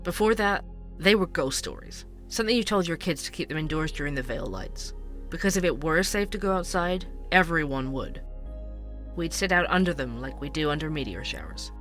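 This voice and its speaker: Playing a chatty, curious podcast host in a scripted audio drama, this actor delivers narration and interviews in a measured, explanatory, wry and conversational style. His voice is a little high with lively intonation, a fairly bright tone and a moderate pace. Music plays faintly in the background.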